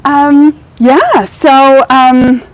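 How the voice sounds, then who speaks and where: A woman's voice: sits high, extremely slow, poor audio. A young woman from Germany with a German accent tinged with Australian, a research veterinarian giving a chatty public talk full of ums and restarts. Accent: German with some Australian. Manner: chatty, frequent ums and self-corrections.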